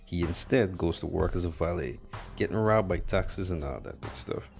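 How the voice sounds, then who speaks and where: A man with a low, gravelly voice rolls through a film recap, blunt and mocking, dropping slang as he goes. Faint music sits beneath his commentary. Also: moderate pace. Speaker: movie reviewer. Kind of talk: sarcastic movie review commentary.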